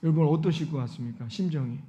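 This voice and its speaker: In a church sanctuary, a male pastor delivers a Sunday sermon, often posing rhetorical questions to the congregation. His voice is a little high and dark-toned, his pace quick, and the recording sounds dull and lo-fi.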